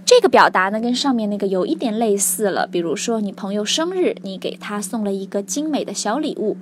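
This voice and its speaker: A woman's voice: medium pitch, lively intonation, a little fast, a little hiss or hum. A woman teaching a spoken English lesson, explaining phrases and modelling their pronunciation.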